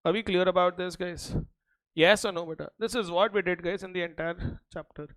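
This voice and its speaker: A male teacher with an Indian accent delivers a revision lecture in a high, clear voice. The sound is close and dry, and his delivery is emphatic, often pausing to check that the class follows. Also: fairly even intonation, a bit bright, no room sound, low-quality recording. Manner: emphatic, repeatedly checking in with students. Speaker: accountancy teacher.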